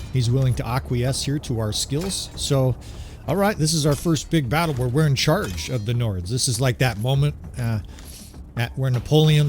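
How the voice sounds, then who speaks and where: A man's voice: mid-range voice, a little mellow, slight background noise. A man giving casual, enthusiastic commentary over a strategy game playthrough, often tagging his points with "right?". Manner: chatty, enthusiastic, keeps asking "right?". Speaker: gaming commentator. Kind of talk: gameplay commentary.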